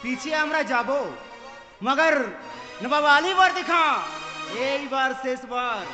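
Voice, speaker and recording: A shrill, blustering nobleman. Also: unhurried. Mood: haughty, warning. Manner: haughty, confrontational. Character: proud, blustering nobleman, brother of the Nawab. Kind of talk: Bengali jatra historical stage acting. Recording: echoey hall, music clearly behind.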